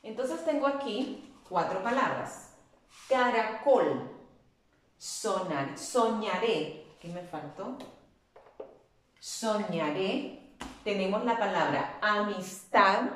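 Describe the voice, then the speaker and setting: A woman teacher walks children through a spelling lesson at an unhurried pace, stretching out and repeating each word so they can hear the stress. Her voice sits at an ordinary pitch, and the room gives it a noticeable echo. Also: lively intonation, fairly bright tone. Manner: patient, drawn-out repetition of words. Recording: echoey room.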